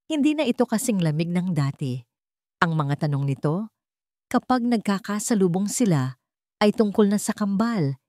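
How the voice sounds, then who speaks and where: Narrating a scripted dramatic story, a Filipino-accented woman speaks in a lowish voice with a darkish tone. The studio recording is clean and dry.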